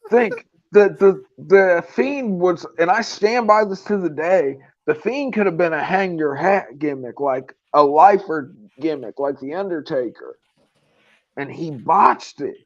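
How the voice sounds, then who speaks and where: A man with a somewhat high voice chats casually about wrestling as a podcast co-host. He is blunt and slangy. The recording sounds dull and lo-fi. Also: expressive, measured pace, dry recording. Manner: slangy, blunt, says "bruh" often.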